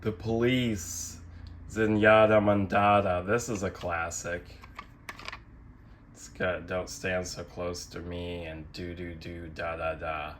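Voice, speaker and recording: A young man with a low, level voice speaks slowly against a noisy background. He hosts a physical media collecting channel, giving a casual, rambling show-and-tell that is sardonic and self-deprecating, with casual swearing.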